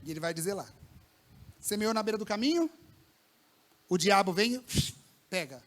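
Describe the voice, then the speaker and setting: A man preaching a lively sermon to young people in a church service, colloquial and slangy, swinging between loud bursts and hushed lines. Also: high-pitched, moderate pace. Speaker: pastor. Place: church service with a live congregation.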